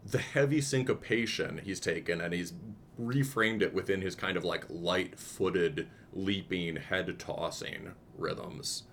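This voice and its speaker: This man has a deep, slightly bright voice and an unhurried delivery with few pauses, recorded with a bit of hiss or hum. As a music podcast co-host, he chats casually, picking songs apart aloud, humming riffs, and restarting sentences with many "um"s.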